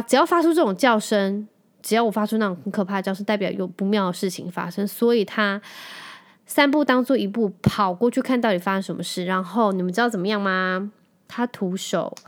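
A woman in her thirties with a Taiwanese Mandarin accent hosts a casual podcast. She tells a long personal story in a lively, chatty way. She keeps turning to her listeners and speaking to them directly. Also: mid-range voice. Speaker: podcast host.

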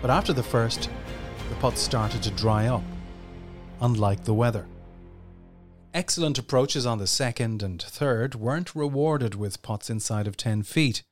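A man's voice: mid-range voice, a little slow, soft background music. A man reading scripted narration for a sports documentary.

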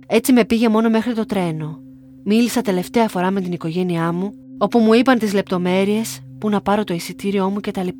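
A young woman from Greece reading her own story aloud in a calm, measured way. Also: medium pitch. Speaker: narrator. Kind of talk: scripted first-person narration. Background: faint music.

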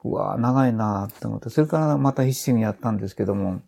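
Older man, gravelly, dark, halting rambling talk. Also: on the low side. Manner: rambling, with many restarts and trailing phrases. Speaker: author and podcast guest. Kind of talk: casual conversation.

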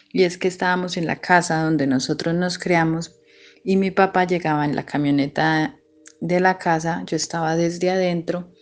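A woman co-hosting a podcast, telling a personal paranormal story in an earnest, halting way with many restarts. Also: lowish voice, a little mellow. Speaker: podcast co-host.

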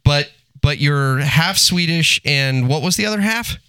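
A man's voice: on the high side, animated, measured pace, sharp tone, smooth, dry recording. A man hosting a casual podcast, joking and laughing often with his guest. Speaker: podcast host.

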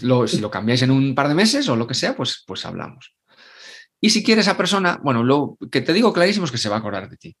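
A man appears as a guest in a podcast interview, an expert in sales and LinkedIn growth, giving an animated answer about sales. His medium-pitched, husky voice swings widely in pitch as he emphatically acts out clients and doctors in quick asides.

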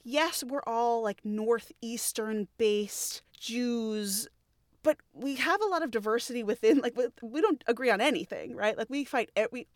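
In a relaxed interview conversation, a thirty-something New York podcast co-host laughs frequently and makes self-deprecating remarks. She speaks unhurriedly in a slightly high voice, captured in a dry, studio-quality recording.

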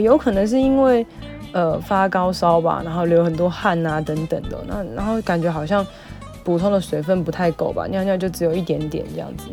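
A young woman, a psychologist hosting her own show and chatting through a personal story with lots of fillers. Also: mid-range voice. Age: young adult. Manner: chatty, animated retelling with many fillers. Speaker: podcast host, psychologist. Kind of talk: casual storytelling monologue.

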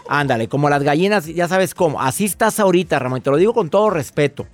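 A man's voice: fairly high pitch, expressive, quick pace, a little hiss or hum. Male radio host giving emphatic advice. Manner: warm fatherly advice, emphatic, rhetorical questions. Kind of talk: call-in advice and interview.

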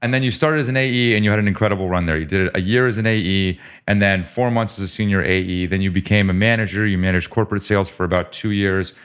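A low-pitched man hosting a casual podcast interview. He talks in an upbeat, joking way and reads through his guest's career at a brisk clip. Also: a bit bright, clean tone. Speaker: podcast host.

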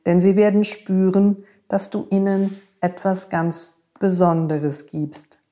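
A woman voicing a wise, gentle horse who speaks tenderly and reassuringly to a young friend. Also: medium pitch, flat delivery, slow pace, lightly acted.

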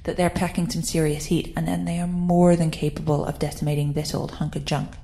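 An actress voicing a flippant, quick-witted female spaceship pilot in a wry, teasing manner. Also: low voice, little pitch movement, vocal fry, dark tone. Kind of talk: audio drama acting.

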